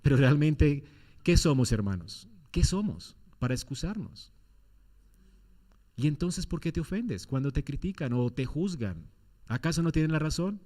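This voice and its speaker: A man's voice: a little high, lively intonation, moderate pace, dark tone. A man preaching a sermon as pastor, firing off rhetorical questions with emphatic swings in his delivery.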